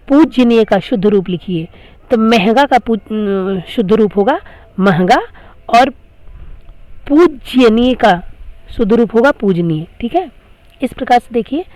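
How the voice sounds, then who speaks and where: A woman's voice: fairly high pitch, warm tone, dry recording. A woman teacher explaining grammar to school students, patiently repeating each question before giving the answer. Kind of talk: classroom grammar lesson.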